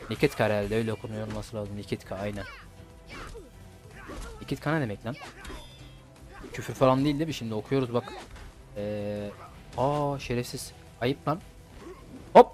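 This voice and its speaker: A man's voice: on the low side, a little fast, long pauses. A young man giving casual, slangy gameplay commentary and swearing at his opponents. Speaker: gaming YouTuber. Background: game music.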